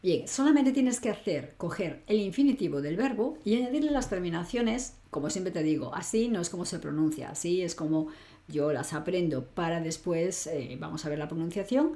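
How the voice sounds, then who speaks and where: A woman's voice: fairly low pitch, expressive, normal speed, mellow. A woman teaching an online grammar lesson, explaining patiently and often checking in with her student. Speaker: language teacher.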